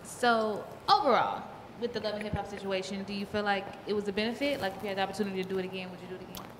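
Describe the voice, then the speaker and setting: A woman co-hosting a casual interview, asking drawn-out, structured questions. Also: mid-range voice, fairly even intonation, long reverb tail, noisy background. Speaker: co-host.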